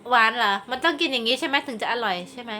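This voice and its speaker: A woman with a high, sharp voice races along as she hosts a candy tasting for young children, chatting casually and playfully prompting them with questions, exclamations and little sing-song fanfares. Background noise is clearly audible.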